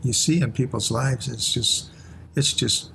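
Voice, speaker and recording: A man's voice: medium pitch, measured pace, creaky, pushed and bright, slight background noise. An older man, a retiring church leader, talking in a reflective, hesitant way in conversation.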